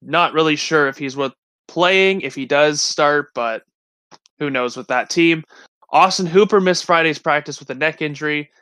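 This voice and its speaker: A man co-hosting a fantasy football show, reading injury news in a steady, matter-of-fact way. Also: fairly high pitch, normal speed, clear, resonant tone. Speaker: fantasy football podcast co-host. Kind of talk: casual sports news rundown.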